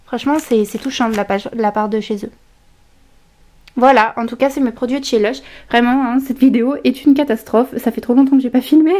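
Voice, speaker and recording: A woman's voice: a little high, fairly even intonation, a little fast, a little mellow. A young woman chatting enthusiastically through a shopping haul, with many fillers and restarts. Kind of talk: casual haul video talk. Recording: echoey room.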